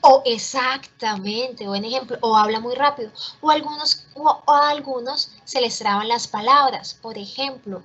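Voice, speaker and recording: A woman's voice: fairly high pitch, a bit bright, highs cut off, a little hiss or hum. A woman teacher giving an online class, explaining step by step and checking in with her students as she goes. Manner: explains step by step, often checks in with "¿listo?" and "¿cierto?".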